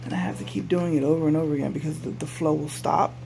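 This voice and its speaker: Weary post-surgery man, gravelly, higher-pitched voice. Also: steady tone, quick pace, mellow. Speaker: patient vlogger. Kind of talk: casual personal update to camera. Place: hospital room. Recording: noisy room recording with hum.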